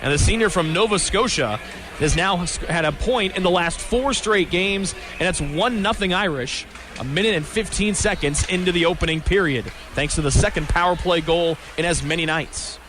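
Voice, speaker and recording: Broadcasting live radio play-by-play from a hockey arena, a man describes the action in clipped fragments. His voice sits high, his pace is moderate, and the background is noisy.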